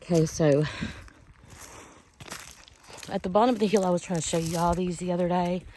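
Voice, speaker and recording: A woman giving a casual, folksy walking vlog, talking to viewers in a halting, rambling way. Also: fairly low pitch, fairly even intonation, mellow. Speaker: vlogger and outdoor guide. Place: outdoors on a rural field and hollow trail. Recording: outdoor handheld recording with faint noise.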